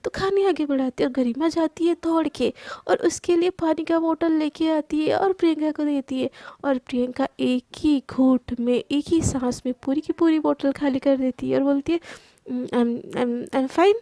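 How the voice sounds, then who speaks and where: A woman telling a love story in a chatty, animated way, stopping now and then to correct herself. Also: high-pitched, normal speed, no echo. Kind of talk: casual spoken storytelling.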